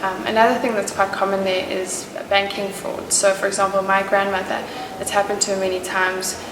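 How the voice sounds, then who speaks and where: A woman's voice: medium pitch, level tone, fairly quick. A young woman with a South African accent, speaking casually and informatively in an interview. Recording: very echoey room, distant mic, noisy.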